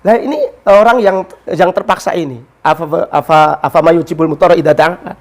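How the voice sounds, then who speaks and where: High-voiced man telling a religious story. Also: a little fast. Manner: storytelling, mixes Arabic quotes with explanation, animated. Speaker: religious teacher. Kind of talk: casual religious discussion.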